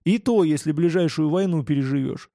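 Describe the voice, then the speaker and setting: A man voicing a sharp-tongued young male bodyguard who mocks and threatens in a higher voice than his narration. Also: fairly quick, gravelly, no room sound, studio quality. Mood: mocking. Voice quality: mocking, cutting.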